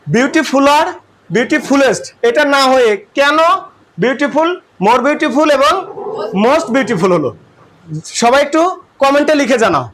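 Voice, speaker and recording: A man's voice: extremely high pitch, lively intonation, normal speed, long pauses, fairly bright tone, slight background noise. A man with a Bangladeshi accent teaching English grammar to a class, asking questions and repeating the answers.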